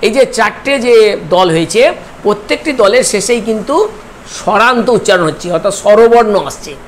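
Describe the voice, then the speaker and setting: Male teacher, high voice, slow deliberate delivery that breaks words into syllables, faint background noise. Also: lively intonation. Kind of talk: recorded lecture.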